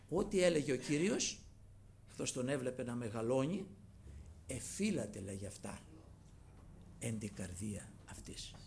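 A man preaching a sermon, swinging between loud emphatic peaks and low murmured asides, repeatedly addressing the congregation as brothers. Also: creaky.

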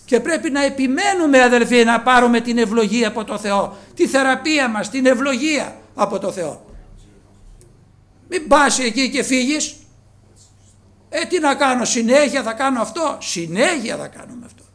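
Preacher, male, very high voice, earnest sermon delivery with soft and raised passages. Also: animated. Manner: earnest, addresses listeners as brothers, swings between soft and raised.

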